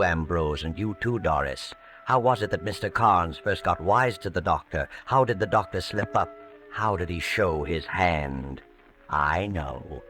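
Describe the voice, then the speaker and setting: An actor playing a sinister, all-knowing narrator, taunting and theatrical, in a 1940s radio mystery. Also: male voice, low-pitched, a bit bright.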